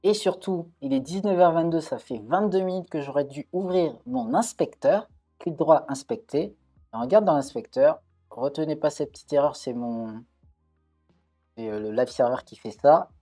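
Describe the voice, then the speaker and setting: A coding streamer works through a live tutorial at his computer, thinking out loud with frequent hesitations and self-corrections. His voice is fairly high, mellow, and lively in intonation at a moderate pace, with faint music behind him.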